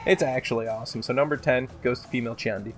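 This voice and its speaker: Rapid-fire and mid-range with fairly even intonation, this man's voice runs over music as he hosts a casual gaming countdown. His commentary is jokey and exaggerated with some swearing, and he belts out game voice lines.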